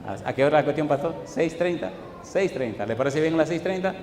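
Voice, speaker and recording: A male pastor preaching a sermon in a church, firing rhetorical questions at the congregation and swinging between loud declaiming and quiet asides. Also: a little high, lively intonation, brisk, slight background noise. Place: church sanctuary. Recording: echoey church hall with long reverb.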